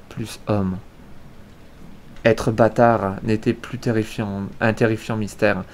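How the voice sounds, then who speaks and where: A man's voice: lowish voice, a little hiss or hum. A man reading a novel aloud on a live stream, narrating steadily and unhurriedly, with small restarts.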